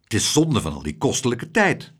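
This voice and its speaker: A man voicing a fussy, strict old spinster schoolteacher in an audiobook, with a high, scolding tone. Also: huge pitch swings, normal speed, slightly rough. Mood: chatty. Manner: shrill scolding tone.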